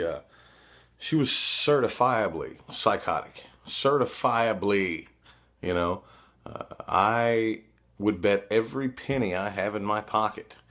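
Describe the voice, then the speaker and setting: A man's voice: on the low side, a bit bright. A man telling personal stories in a casual, rambling, blunt and profane conversational way, like a vlogger. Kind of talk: casual, rambling confessional storytelling.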